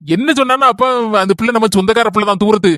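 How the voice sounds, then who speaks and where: A woman voicing a quick-talking young son. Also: medium pitch, a bit bright, no echo, clean studio sound, natural voice. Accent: Kanyakumari Tamil. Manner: quick, coaxing and reasoning. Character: young adult son home on leave, easygoing.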